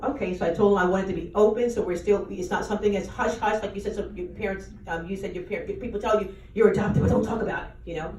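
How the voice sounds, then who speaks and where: Animated adoptive mother, storytelling delivery, roomy distant sound. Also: mid-range voice, slight background noise. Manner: animated storyteller, laughing as she talks. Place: book launch event room. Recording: roomy sound, mic far off.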